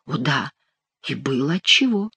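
A woman's voice: very deep voice, sing-song, unhurried, creaky, sharp tone, slightly rough, no echo, voice pushed down, exaggerated voice. A woman voicing a frightened, gloomy male king who speaks weakly and hesitantly. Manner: weak, hesitant, mournful.

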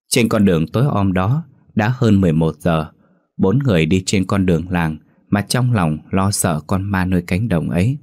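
A man's voice: deep voice, a little mellow. A man narrating a ghost story dramatically and acting out each character.

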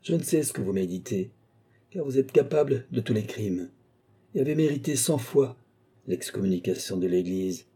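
A man's voice: medium pitch, expressive, normal speed, mellow, slightly rough. A man voicing a stern medieval monk who condemns two feuding lords in a firm, severe voice.

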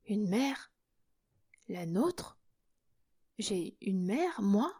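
A woman reading the part of a gentle, emotional young woman, speaking heartfelt lines. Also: fairly high pitch, level tone, slow, no room sound, studio quality. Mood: stunned. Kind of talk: audiobook character reading.

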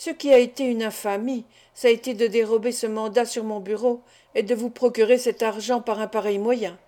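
Brief: cold, proud society woman scolding, read by a woman, fairly high voice. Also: steady tone, a little fast, dark tone, natural voice. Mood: scornful.

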